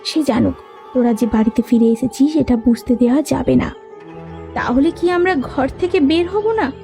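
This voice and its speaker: For a cartoon story dub, a female actor voices a plucky young village heroine, a bold and determined girl, along with her sisters. Her high-pitched voice has a rounded, dark, gravelly tone, earnest and resolute yet worried, at normal speed with background music behind her.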